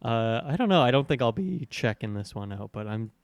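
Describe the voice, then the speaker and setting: A man's voice: mid-range voice, animated, a little fast, no echo. A man in a casual group chat, chatty and wry. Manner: chatty, wry, laughs easily.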